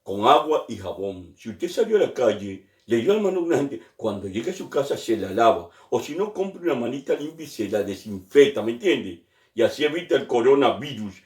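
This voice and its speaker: A man telling jokes in an animated way, acting out the characters and laughing at his own punchlines. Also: mid-range voice, fairly quick, reverberant, recorded from a distance. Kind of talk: joke telling.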